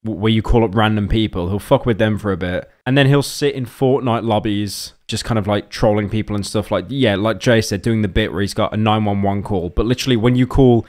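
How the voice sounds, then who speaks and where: A man's voice: on the low side, a little fast, hardly any pauses, a little mellow. A man chatting casually on a podcast, rambling with lots of fillers and restarts. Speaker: podcast co-host.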